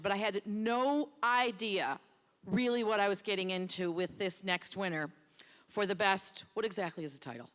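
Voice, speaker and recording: A woman's voice: medium pitch, fairly bright tone. A middle-aged woman presenting an award off the cuff, rambling and chatty and poking fun at herself. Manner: rambling, chatty, self-deprecating. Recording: long reverb in a hall.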